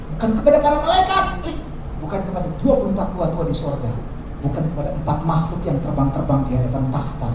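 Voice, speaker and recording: A pastor preaching a lively sermon, acting out quoted lines in a raised voice. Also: male voice, on the high side. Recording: echoey hall, distant mic, background noise.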